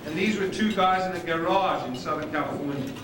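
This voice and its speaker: This conference presenter, a South African man with a high-leaning voice, speaks briskly and leans hard on key words. Background noise from people dining fills the large, echoey hall, which was recorded from a distance onto old videotape.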